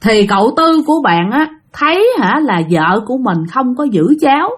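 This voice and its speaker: A woman storyteller with a Southern Vietnamese accent narrates a spiritual tale in a chatty tone, talking straight to her listeners. Her voice sits fairly high and moves a lot in pitch. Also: animated, normal speed, breathy edge. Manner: chatty, addresses listeners directly. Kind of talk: spoken ghost-story narration.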